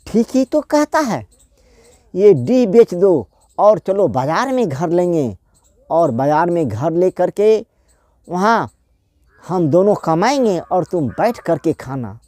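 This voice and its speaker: A man voicing a scheming young married daughter, coaxing her mother in a slow storyteller's voice. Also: sits high, very animated, mellow, dry recording, studio quality, heavily acted.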